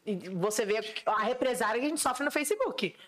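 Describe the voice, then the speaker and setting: A woman's voice: fairly high pitch, expressive, fairly quick, a bit bright. A woman, a ride-hailing driver chatting casually and emphatically, full of rhetorical questions. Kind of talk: casual chat.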